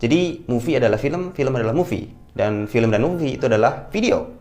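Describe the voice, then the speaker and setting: A man giving a casual English lesson, slowing down to say each example sentence clearly. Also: medium pitch, expressive, a little mellow. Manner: chatty, slows down to spell out example sentences. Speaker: English teacher. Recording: faint music underneath.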